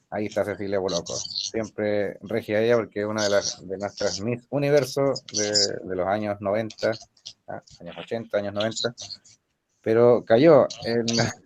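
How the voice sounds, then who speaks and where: A man's voice: mid-range voice, noisy background. A man with a Chilean Spanish accent, teaching an online language class, explaining patiently and quizzing a student. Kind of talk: recorded language lesson.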